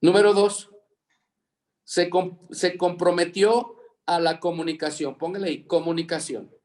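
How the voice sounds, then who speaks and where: A man's voice: high-pitched, steady tone, a little slow, a little mellow. A man teaching a Bible leadership lesson over a video call, dictating words for students to fill in and repeating them.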